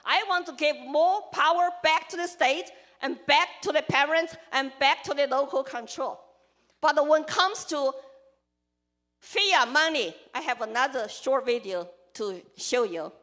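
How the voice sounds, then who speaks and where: Speaking with a Chinese accent, a woman from China running for Congress delivers an earnest campaign speech to a live crowd, ticking off her points in short, emphatic bursts. Her high, bright voice is forceful and a touch slow.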